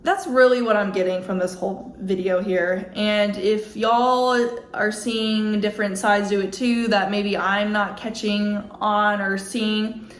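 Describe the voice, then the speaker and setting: A woman's voice: medium pitch, fairly even intonation, measured pace. A woman commenting on a clip in a wry, skeptical, chatty way, recorded on her phone. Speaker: YouTube commentator reacting to a clip. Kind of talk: casual reaction commentary. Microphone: phone mic. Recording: echoey room, faint background noise, phone recording.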